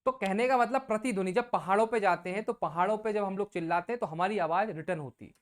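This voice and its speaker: A woman's voice: mid-range voice, fast talker. A woman teacher giving an exam coaching lecture, casually explaining with everyday examples and asking the class questions she answers herself.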